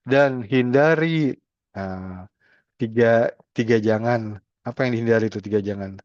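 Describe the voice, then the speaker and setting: Brief: male trainer, mid-pitched, chatty explanatory delivery, dull and dry recording. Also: a little slow, a little mellow, no room sound. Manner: conversational, acts out example dialogues. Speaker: speaker at a health communication forum.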